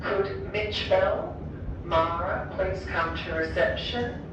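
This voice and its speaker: A staff announcer making a slow, repetitive paging call over a public address loudspeaker, heard from a distance in the room. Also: mid-range voice, fairly even intonation, background noise. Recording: distant echoey PA loudspeaker, muffled.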